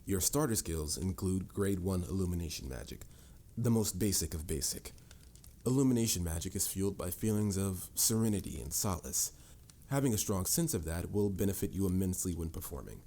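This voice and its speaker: A voice actor plays a confident, patient mage mentor in a fantasy audio roleplay, using a low, dark, animated voice at a slightly quick pace. He sounds calm and instructive, a bit theatrically formal, boastful yet encouraging toward his listener. Music plays in the background.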